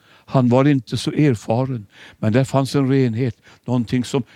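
A man's voice: medium pitch, fairly even intonation, mellow, no echo, studio quality. A man preaching a sermon, dramatic and emphatic, sometimes stumbling over repeated words. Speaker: pastor.

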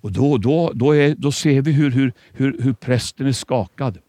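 A man's voice: mid-range voice, mellow, dry recording, studio quality. A man preaching a sermon, dramatic and emphatic, sometimes stumbling over repeated words. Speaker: pastor.

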